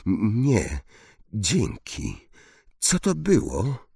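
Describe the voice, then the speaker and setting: A man's voice: lowish voice, huge pitch swings, extremely slow, creaky, darkish tone, slightly rough, no room sound, clean studio sound, voice pushed up, exaggerated voice. A male narrator voicing a shaken, confused young boy asking hesitant questions in an audiobook. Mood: unsettled.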